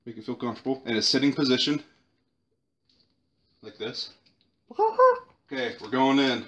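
Young man, deadpan mock cooking show. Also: mid-range voice, normal speed. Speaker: home cooking video host. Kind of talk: joking cooking tutorial. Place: home kitchen.

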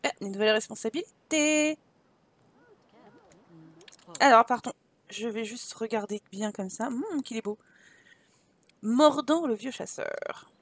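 A woman's voice: on the high side, expressive, unhurried, pauses often. A woman hosting a gaming video, chatting playfully and reading in-game dialogue aloud from a close microphone. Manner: chatty and playful, reacting with laughs and asides. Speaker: gaming channel host.

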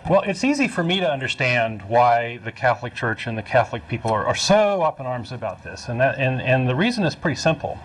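A man's voice: mid-range voice, sing-song, brisk, hardly any pauses, rough recording. A man co-hosting a casual studio talk show, often repeating and restarting his words. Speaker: co-host.

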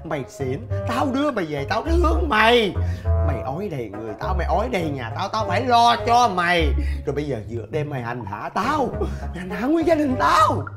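A man's voice: high voice, huge pitch swings, brisk, exaggerated voice. An actor playing a fed-up young man who scolds his friend in exasperated rants. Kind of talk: scripted comedy sketch acting. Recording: music score and crowd noise behind.

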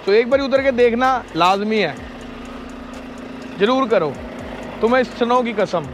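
A very high-voiced man from India speaks unhurriedly over background noise. In his casual, animated trucker vlog, he calls viewers brother and chats with them from his truck cab and a snowy yard outdoors.

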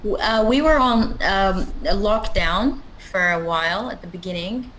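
A woman's voice: mid-range voice, lively intonation, unhurried, a bit bright, a little hiss or hum, low-quality recording. Hesitant woman with a British accent. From grew up in the UK. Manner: hesitant, many fillers. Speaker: webinar participant, college teacher. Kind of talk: casual video-call chat. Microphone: video call.

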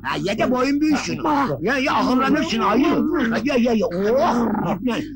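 An actor playing a bald, short-tempered village agha who shouts threats and bullies everyone around him. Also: male voice, very high voice, expressive, a little slow. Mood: mocking. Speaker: film villain. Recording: old film soundtrack with crowd noise.

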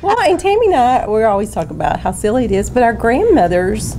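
A woman's voice: fairly high pitch, big pitch swings, brisk, darkish tone, slight background noise. A woman in casual chat, playful and teasing, talking about faith with friends.

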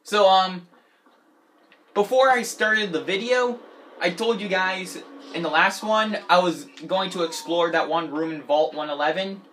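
A gaming channel host giving excitable, chatty, playful gameplay commentary. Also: mid-range voice, measured pace, a little hiss or hum.

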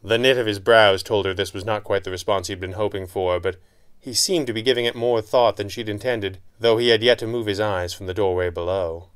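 A man giving steady scripted narration of an adventure story. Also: fairly low pitch, brisk, clean tone.

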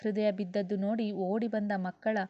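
A woman's voice: medium pitch, flat delivery, moderate pace, warm tone, dry recording, muffled recording. Woman narrating a serialized novel.

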